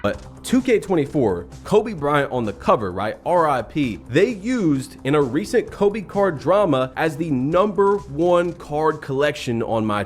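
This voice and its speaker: A man narrating a critical commentary video, explaining things as he goes. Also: on the high side.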